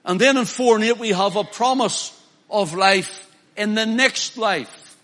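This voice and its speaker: A male preacher, delivering a sermon, swinging from loud emphatic declaiming to quiet pleading. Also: high-pitched, measured pace.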